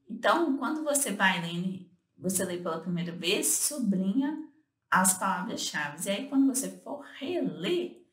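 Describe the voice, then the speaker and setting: A woman, co-hosting and explaining study tips in a casual instructional way, often pausing on fillers. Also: medium pitch, reverberant. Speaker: co-host giving study tips.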